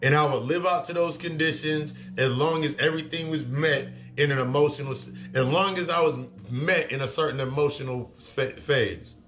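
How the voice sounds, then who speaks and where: This man has a fairly high, bright voice and talks at a moderate pace with few pauses. He's a spiritual reader and life coach delivering a blunt, profane motivational self-help monologue, hammering his points home through repetition.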